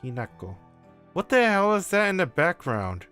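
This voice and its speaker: A tired male streamer chatting casually and reading game narration aloud, animated and swearing now and then. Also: high voice, normal speed, soft background music.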